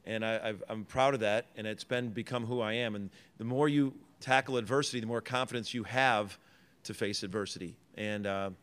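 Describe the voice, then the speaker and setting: A man's voice: fairly low pitch, fairly even intonation, fairly quick, fairly bright tone, clear, resonant tone. A middle-aged man, a college basketball head coach, answering reporters' questions at a press conference in earnest, rambling sentences full of fillers and restarts.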